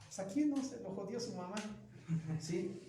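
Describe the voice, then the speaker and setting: Animated Mexican teacher in an echoey classroom. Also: male voice, high voice, moderate pace. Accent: Mexican Spanish. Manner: animated, acts out quoted voices. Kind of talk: classroom lecture. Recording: echoey room from far off, faint noise.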